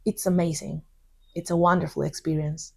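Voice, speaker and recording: This English teacher, a young native Spanish speaker from southern Spain, has a low, creaky voice with fairly even intonation at normal speed. She works through an informal lesson thoughtfully, rambling and using many fillers.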